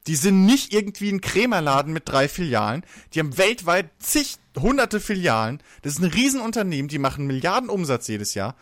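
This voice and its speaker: A man arguing his case in a heated casual debate, swearing freely and leaning hard on his point. His voice sits a little high and swings widely in pitch. The sound is dry and close, with no room in it. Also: sing-song, a little fast, few pauses, a bit bright, dry recording. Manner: emphatic, argumentative, swears freely.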